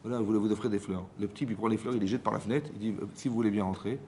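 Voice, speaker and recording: A man's voice: fairly low pitch, very fast, a little hiss or hum. A man giving a Torah lesson as a rabbi, acting out dialogues and often checking that his listeners understood. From France. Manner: lively, acts out dialogues, asks the audience if they understood. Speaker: rabbi teaching a class. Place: community hall class.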